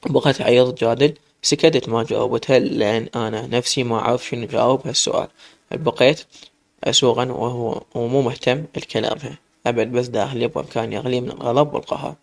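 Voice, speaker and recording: A man's voice: mid-range voice, fairly even intonation, fast talker, gravelly. A man with an Iraqi accent reading a dramatic story aloud, with emotional first-person narration.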